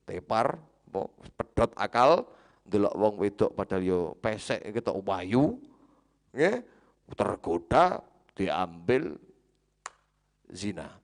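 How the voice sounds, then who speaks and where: A man with a Javanese accent preaching a sermon, telling stories, swinging between loud and hushed. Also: sits low, lively intonation, slow, gravelly, long pauses.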